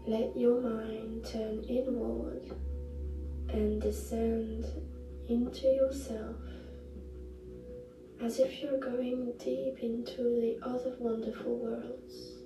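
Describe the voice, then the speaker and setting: A woman guides a meditation like a sleep-story narrator, gentle and soothing, speaking slowly and in a hush with long pauses. Her voice is a little high and level in tone, captured on a distant mic with roomy echo and music behind her.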